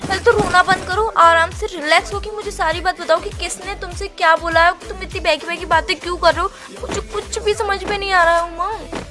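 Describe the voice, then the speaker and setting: Woman on the call, very high pitch, calm and bewildered, music bed behind. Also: a little fast. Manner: soothing, bewildered. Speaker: girlfriend on the call. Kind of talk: phone-call conversation. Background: background music.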